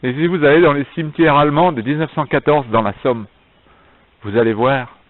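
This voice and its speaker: A man's voice: on the high side, brisk. A man speaking an improvised, emphatic monologue to viewers, with repeated phrases, his voice echoing around a stone arcade. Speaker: vlogger filming himself on a visit. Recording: echoing stone arcade, dull narrow sound.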